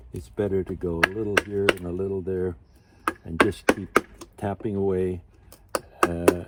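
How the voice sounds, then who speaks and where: A man in his sixties with a very low voice talks through a hands-on demonstration in an informal vlog style. He explains things in an unhurried, halting manner and drifts into asides. There is clear background noise around him, as in an outdoor canopy workshop. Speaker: ventriloquist and puppet carver. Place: outdoor canopy tent used as carving workshop.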